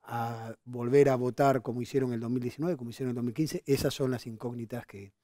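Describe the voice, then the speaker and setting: A man giving measured political commentary as a panel guest, trailing off at the end of his sentences. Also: mid-range voice, steady tone, dark tone, no echo, clean studio sound.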